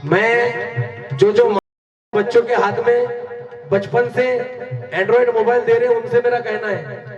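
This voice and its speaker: A man's voice: very high voice, steady tone, measured pace. A man singing and calling out to the audience at a live stage program, rousing and commanding the crowd. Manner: rousing, commanding the crowd, half-sung lines. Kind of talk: live stage song and crowd call-outs. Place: large live event with crowd. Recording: distant, echoey, dull live recording with music.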